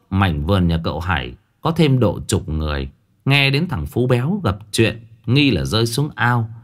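A man narrating a ghost story in an expressive storytelling manner. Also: mid-range voice.

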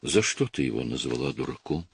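A stern, harsh military officer giving clipped, forceful orders, voiced by a male storyteller. The voice is husky, with a deep base and lively rises in pitch. The recording is close and dry. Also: takes it slowly, no echo, heavily acted. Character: blunt, stern army officer, commanding and harsh.

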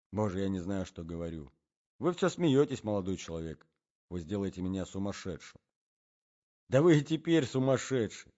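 A man doing a frantic jealous gentleman. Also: mid-range voice, lo-fi sound, natural voice. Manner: frantic, pleading, exclamatory. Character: jealous panicky middle-aged gentleman hiding under a bed. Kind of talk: audiobook character reading.

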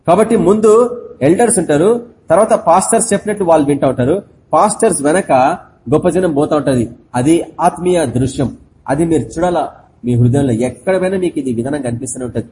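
Guy preaching, talks right at the crowd, somewhat high mellow voice, faint hiss behind. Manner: explains slowly, then cries out quoted words loudly; addresses listeners directly. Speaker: pastor. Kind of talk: sermon.

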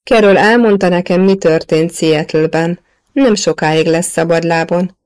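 A hearty, boastful middle-aged boss type who jokes at his own family's expense, read by a woman narrator. It is an audiobook, and the voice stays low and even, close to the reader's own. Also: lightly acted. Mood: reassuring. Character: jovial middle-aged Finnish-American man, boss.

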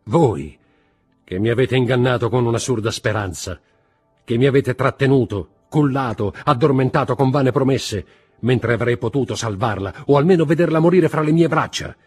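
A man voicing a desperate, furious young man who shouts reproachful outbursts, with a husky voice. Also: on the low side, wildly swooping pitch, moderate pace, faint music behind, heavily acted.

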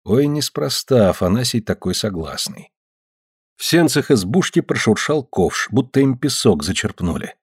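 A husky-voiced man narrates a story for an audiobook at normal speed, his intonation roaming up and down expressively. The sound is close-miked and dry, with no echo.

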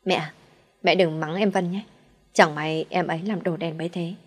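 A sly, timid young woman, as a woman narrator puts her on, sweet-talking to get her way. The voice sits slightly low. A storybook audio reading. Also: fairly even intonation, moderate pace, natural voice.

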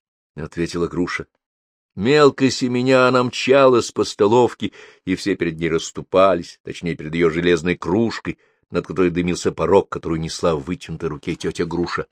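Low-voiced male audiobook narrator. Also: no room sound, clean studio sound. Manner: measured, expressive reading. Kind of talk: scripted first-person story narration.

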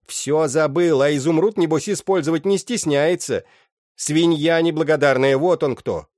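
A man's voice: medium pitch, very animated, moderate pace, darkish tone, dry recording, studio quality, voice pushed up, close to an everyday voice. A man voicing a scheming old mother witch who scolds and mocks, in an audiobook. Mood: scornful. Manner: scolding, mocking. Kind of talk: audiobook character voice.

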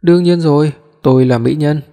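Man voicing a bold young heroine, mocking and teasing, mellow dark tone, long reverb. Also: on the high side, brisk, close to an everyday voice.

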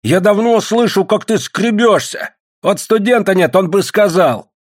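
Angry old prospector, read by a man; high, loud, accusing. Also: animated, unhurried. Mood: furious. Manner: shouting, accusing. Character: angry grey-bearded old male Old Believer prospector.

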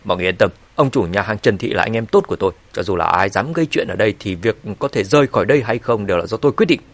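A man voicing a loud, arrogant rich heir. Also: on the low side, expressive, racing. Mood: blustering.

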